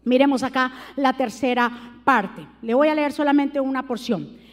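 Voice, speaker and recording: High-voiced woman preaching in a hall. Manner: swings from hushed asides to loud, drawn-out shouted appeals; addresses the congregation directly with questions. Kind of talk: evangelical sermon. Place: church sanctuary. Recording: long hall reverb.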